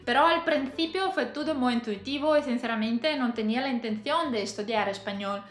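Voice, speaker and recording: Chatting to camera in a casual vlog, this thirties-aged woman laughs a lot and hesitates with fillers. She speaks a little high and a little fast, over roomy echo and faint background music.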